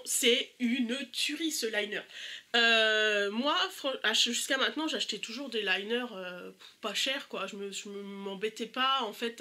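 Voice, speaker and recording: A woman's voice: on the high side, bright, forceful tone. A young woman with a stuffy nose, chatting casually and eagerly through a makeup haul with many hesitations. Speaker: beauty vlogger.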